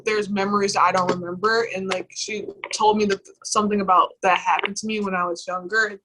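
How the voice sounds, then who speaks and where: A young woman with a bright, clear voice. She shares personal memories in a candid conversation and keeps halting, circling back with fillers and restarts. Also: mid-range voice, level tone, rough recording. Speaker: guest.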